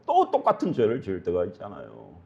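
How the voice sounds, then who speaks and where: Man preaching a sermon, low mellow voice, swings up and down a lot, muffled recording. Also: huge pitch swings, fast talker, vocal fry. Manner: earnest, asks the congregation questions. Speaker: pastor.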